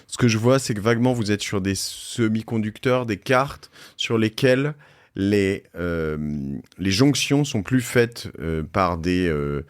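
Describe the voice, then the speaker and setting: A man's voice: lowish voice, unhurried. A man hosting a podcast interview in a joking, rambling, informal way. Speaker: podcast host. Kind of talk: casual interview.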